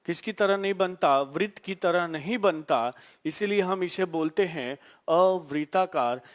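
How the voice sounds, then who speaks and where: A man teaching a live online grammar lesson, repeating key terms and asking his students questions to answer back. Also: high voice. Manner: repetitive call-and-response questioning; drawn-out slow emphasis on key terms.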